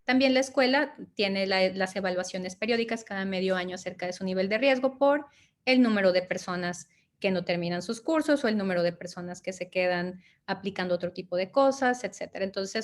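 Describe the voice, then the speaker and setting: A woman advising on migration in an interview, answering methodically and checking in with short tag questions. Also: medium pitch. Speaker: migration and study-abroad advisor.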